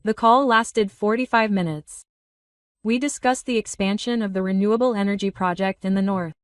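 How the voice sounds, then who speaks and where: A woman reading a first-person story in a steady, even narrating voice. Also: medium pitch, normal speed, no room sound, clean studio sound, distant mic.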